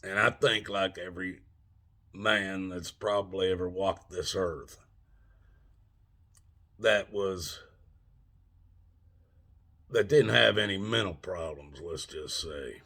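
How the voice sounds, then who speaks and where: An older man rants to his viewers in back-in-my-day fashion. His voice is lowish, husky and full of gravel. He takes his time, speaking haltingly in folksy, plain words. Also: bright, forceful tone. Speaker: video channel host. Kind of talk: old man's back-in-my-day rant; informal monologue to viewers.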